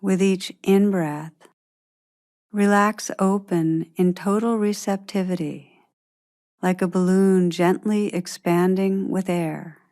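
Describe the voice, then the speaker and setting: A woman guides a meditation gently and without hurry, leaving long pauses between phrases. Her voice is medium-pitched with fairly even intonation.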